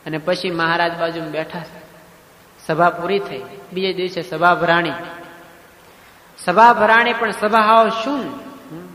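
Male preacher; high voice, retells tales and voices the dialogue, echoey hall. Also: fairly even intonation, a little slow, long pauses, pushed and bright. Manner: retells scripture stories, acting out dialogue, frequent hum interjections. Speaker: religious preacher. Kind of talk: storytelling sermon. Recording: echoey hall with long reverb.

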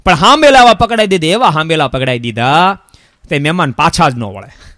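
A man giving a religious discourse, telling a parable in an animated way and repeating phrases for emphasis. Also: on the high side, fairly quick, dry recording, clean studio sound. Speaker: preacher.

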